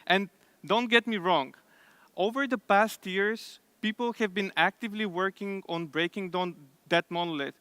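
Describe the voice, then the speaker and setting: A young man from Bulgaria, giving a conference tech talk from the stage in a steady way, now and then correcting himself. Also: sits high, moderate pace, clean tone, no room sound. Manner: steady presenter, occasional self-corrections. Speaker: conference speaker.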